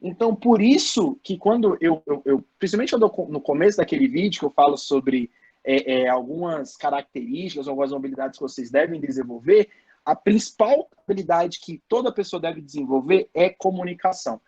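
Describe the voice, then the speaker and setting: Guy teaching class online, husky voice, keeps restarting, talks to the students. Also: on the high side, lively intonation, a little fast, warm tone, muffled recording. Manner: chatty, addresses students, repeats for emphasis; frequent restarts and filler "é". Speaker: professor. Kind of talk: live online lecture.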